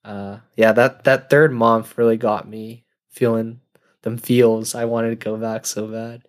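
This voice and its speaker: A man's voice: lowish voice, flat delivery, unhurried. A young man in his twenties hosting a casual solo podcast, rambling and self-deprecating, laughing at his own jokes. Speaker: podcast host.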